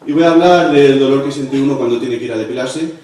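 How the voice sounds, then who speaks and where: A young man from Spain performing a live stand-up monologue at a university, switching into loud high voices to act out other people. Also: fast. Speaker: stand-up comedian. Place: university auditorium with a laughing audience. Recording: echoey, distant, noisy hall recording.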